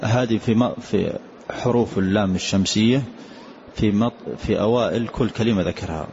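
A low-voiced older man teaches recitation rules in a calm, patient, repetitive manner, pausing to affirm his student. The recording is dull and lo-fi with a faint hiss behind him. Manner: calm, repetitive, answers with short "na'am". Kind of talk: explaining a recitation poem line by line.

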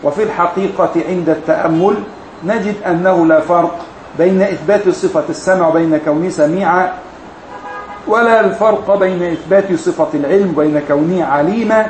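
A man teaches a religious lesson, his voice sitting a little high for a man. He lays out each point with careful, measured explanation. The recording is roomy and echoey, with faint ambient noise underneath. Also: a little mellow. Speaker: sheikh teaching a women's study course.

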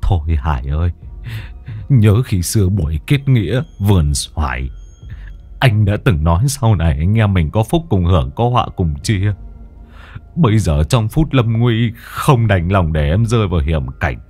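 A man voicing a scrawny, self-important gangster boss who talks gruffly. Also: low-pitched, lively intonation, normal speed, a little mellow, soft background music. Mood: solemn.

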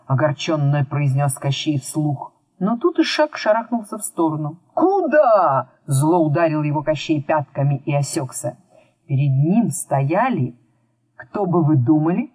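A woman's voice: sits low, a little mellow, husky. A woman narrating a fairy-tale book in a playful, theatrical storybook manner. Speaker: audiobook narrator.

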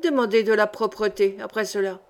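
A woman's voice: mid-range voice, brisk, close to an everyday voice. A woman reading the part of a cross peasant cook who grumbles and scolds. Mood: scolding. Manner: angry, grumbling.

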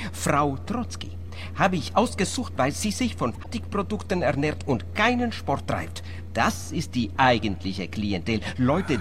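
A man's voice: medium pitch, slight background noise. A man playing a cold, preoccupied inventor in a radio crime comedy, brusque in his talk. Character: cold, self-absorbed male inventor testing a slimming powder.

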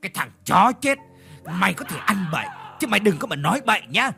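A man voicing a cruel, brutal village chief who shouts and snarls threats at villagers. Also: medium pitch, quick pace, faint music behind. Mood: snarling rage.

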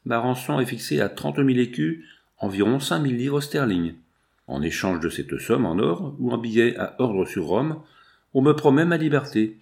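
A man reading a young male captive's dictated letter in a subdued, measured, grave manner. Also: medium pitch, expressive, vocal fry, a little mellow.

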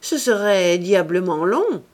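A woman reading aloud voices a mocking young man of twenty, teasing and calmly ironic. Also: lowish voice, slow pace.

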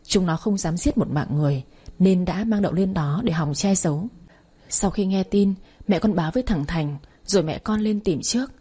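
A woman reading the lines of a grieving father in an audio story, in a steady explaining manner. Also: on the low side, moderate pace, breathy edge. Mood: grave. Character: grieving father telling hard news.

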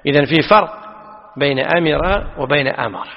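A man's voice: fairly high pitch, a little fast, creaky. A man teaching a lesson on a classical text, patiently explaining and putting questions to his students. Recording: dull audio, long hall reverb.

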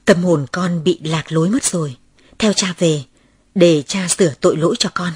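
A woman voicing a gentle, solemn middle-aged priest who speaks softly and coaxingly to a child. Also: on the low side, breathy edge, dry recording, studio quality. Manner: soft, slow, coaxing.

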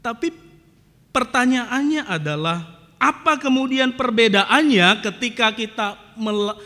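A man preaching a sermon as pastor in a church, moving between soft chatty asides and loud emphatic points. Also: high voice. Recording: church hall reverb.

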